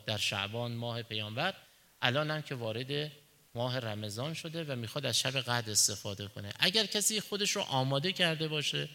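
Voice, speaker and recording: A man's voice: medium pitch, pushed and bright, long reverb tail. A man preaching a sermon, asking rhetorical questions and answering them himself, and telling everyday stories to make his point. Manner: tells illustrative stories in everyday speech.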